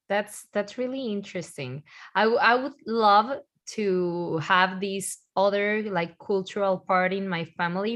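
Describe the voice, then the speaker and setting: A woman hosting a casual interview, asking questions in a friendly way with halting phrasing and many fillers. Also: mid-range voice, fairly bright tone.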